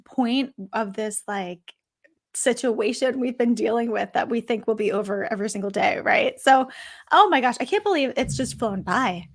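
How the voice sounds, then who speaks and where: A woman's voice: on the high side, normal speed. A woman co-hosting a podcast, talking in an earnest, chatty way with plenty of fillers. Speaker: podcast co-host. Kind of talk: casual podcast chat.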